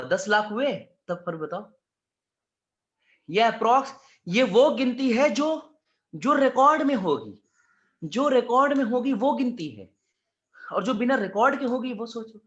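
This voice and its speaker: A man with a very high-pitched, fairly bright voice leads an exam-prep class. His style is chatty and relaxed, with jokes, asides and students called "beta." The recording has room echo and slightly dull sound.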